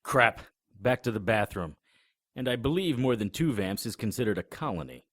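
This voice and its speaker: Heavy background noise surrounds a lowish male voice moving at normal speed with big pitch swings. The man acts as a wry, wisecracking middle-aged monster hunter in an audio drama, narrating as a vampire hunter. He sounds dry, sardonic and matter-of-fact.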